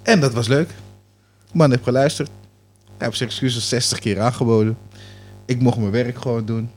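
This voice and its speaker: Lively storytelling man on a podcast. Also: mid-range voice, normal speed, soft background music. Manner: lively storyteller, mixes in English slang. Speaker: podcast co-host. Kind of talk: casual podcast chat.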